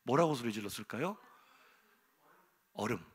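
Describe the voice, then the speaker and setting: A middle-aged man preaching a sermon as a pastor in a church, telling the story with animated energy, sudden loud exclamations and rhetorical questions to the congregation. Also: medium pitch, normal speed, slightly rough. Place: church sanctuary.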